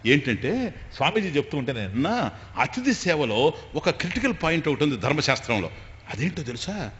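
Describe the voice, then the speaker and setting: A man voicing a hot-tempered husband who bursts into loud shouts. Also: on the high side, sing-song, a little fast, big-room sound, highs cut off, a little hiss or hum. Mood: scheming.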